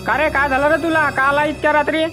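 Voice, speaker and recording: A man voicing a nagging, sharp-tongued older village mother in a cartoon, speaking. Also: very high voice, level tone, fast talker, soft background music, voice pushed up. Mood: bossy. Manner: scolding, bossy.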